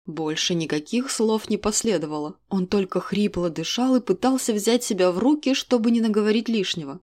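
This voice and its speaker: A woman reading a first-person novel aloud in an expressive, even storytelling manner. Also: medium pitch, a little fast. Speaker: audiobook narrator. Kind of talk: scripted first-person narration.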